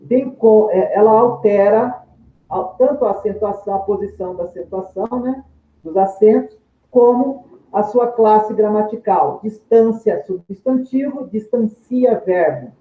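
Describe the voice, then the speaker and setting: A man's voice: sits high, measured pace. A male teacher, giving a recorded grammar lesson in a methodical way, restating each term with synonyms and drawing out example words. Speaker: Portuguese teacher. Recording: echoey room, tinny phone-like sound.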